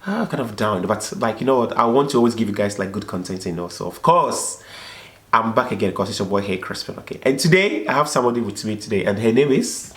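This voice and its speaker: A foreigner living in Belgium hosts a vlog, chatting casually with viewers and a guest in a fairly low, fast, animated voice that sounds slightly dried-up and tired. His talk is informal, repetitive and heavy with fillers, the tone a bit bright, with faint hiss or hum and an echoey room sound.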